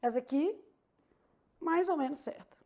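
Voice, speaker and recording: A woman's voice: high voice, moderate pace, a little mellow. A woman with a Brazilian Portuguese accent teaching an exam-prep Portuguese lesson, explaining step by step and checking in with "tá?" and "né?".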